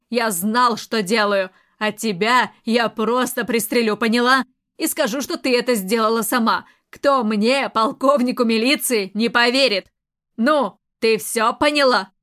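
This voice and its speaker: Audiobook villain: loud, slow-spoken, threatening colonel, read by a woman. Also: fairly high pitch, natural voice. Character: domineering menacing man, militia colonel, murderer.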